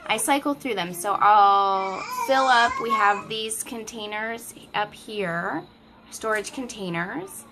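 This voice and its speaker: A woman's voice: mid-range voice, slow, noisy background. A mom vlogger chatting casually to the camera at home, laughing often and breaking off to talk to her toddler. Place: family home, indoors.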